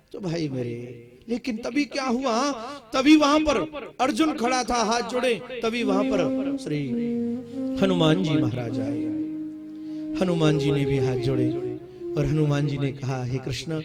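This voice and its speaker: A man with a North Indian Hindi accent giving a devotional sermon, emphatic in his storytelling, repeating key phrases and chanting Sanskrit verses slowly. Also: sits high. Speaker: preacher giving a scripture discourse. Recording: loud music in the background.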